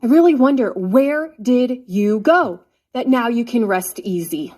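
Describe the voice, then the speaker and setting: A blunt, scornful woman from the United States delivers opinionated commentary. Her voice sits a little high but has a mellow, dark tone. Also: animated, measured pace. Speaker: commentary host.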